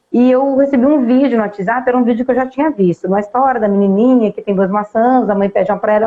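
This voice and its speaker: A Brazilian woman, an interview guest, telling a personal story in a casual, lively way and acting out bits of dialogue. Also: fairly high pitch, phone-quality sound.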